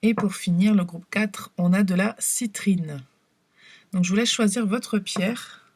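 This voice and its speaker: A woman's voice: mid-range voice, unhurried. A woman giving a casual tarot reading to camera, talking hesitantly with lots of fillers and restarts. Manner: hesitant, many fillers and restarts, soft-spoken. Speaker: tarot card reader.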